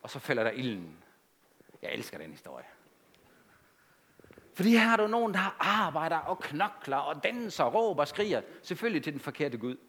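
A man preaching a sermon to a congregation, emphatic and animated, with conversational asides. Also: on the high side, pauses often, breathy edge.

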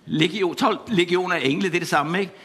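A man's voice: high-pitched, fairly bright tone. A middle-aged man preaching a sermon, passionate and full of repeated exclamations, telling stories from his life. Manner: impassioned, repetitive exclamations; storytelling with laughter.

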